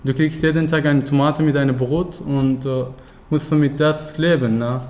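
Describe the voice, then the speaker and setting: A nineteen-year-old man from Afghanistan, not a native German speaker, telling his own story at a talk in halting German with many fillers and restarts. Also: on the high side, steady tone, darkish tone. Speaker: guest speaker. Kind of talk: personal account at a talk.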